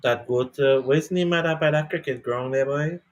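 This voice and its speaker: A man hosting a music interview podcast, chatting in a relaxed, encouraging way. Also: mid-range voice, a little fast, lo-fi sound. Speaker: podcast host and DJ. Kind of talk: casual interview chat.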